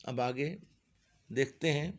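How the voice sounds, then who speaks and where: A middle-aged man teaching a Quran lesson, reciting each word slowly and drawn out, then explaining its meaning in a quick, plain way. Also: mid-range voice, fairly even intonation.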